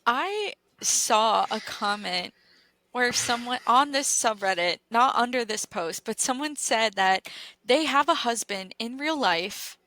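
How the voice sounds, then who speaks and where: Young woman podcast co-host, casual chat, bright and slightly high voice, dry close mic, giggly and animated. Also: slow, low-quality recording. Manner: animated, giggly, trails off mid-sentence.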